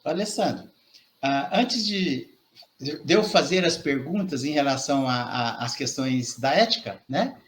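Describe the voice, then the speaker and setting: A man's voice: mid-range voice, animated, measured pace, background noise. A man hosting an interview, asking questions in a friendly, somewhat hesitant way. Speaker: host.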